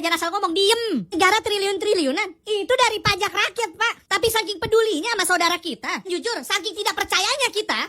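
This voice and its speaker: A young woman giving a fast, sarcastic, mocking rant that scolds an official. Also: extremely high pitch, bright, forceful tone. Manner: mocking, scolding, jokey insults. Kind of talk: sarcastic video commentary rant.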